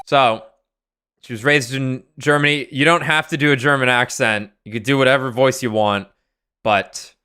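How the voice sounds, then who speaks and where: A man's voice: medium pitch, fairly even intonation, normal speed, bright, forceful tone, smooth. A young man hosting a game stream, explaining the story in a rambling, casual way. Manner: rambling, with many fillers and restarts. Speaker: streamer, host.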